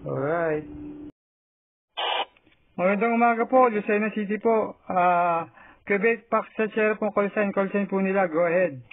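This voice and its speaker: A man's voice: high voice, fairly even intonation, normal speed, narrow, tinny audio. A man with a Filipino accent speaking in polite, clipped police-radio style, giving signal reports and handing over. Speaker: radio hobbyist making a signal check. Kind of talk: police-radio style call-and-response radio talk.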